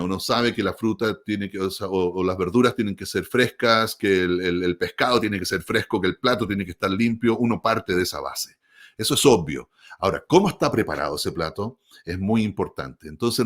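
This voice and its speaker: A man who produces audiobooks, explaining the craft in a measured way and often checking in with the listener. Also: mid-range voice. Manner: measured, explanatory, frequent tag questions. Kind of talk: explanatory talk.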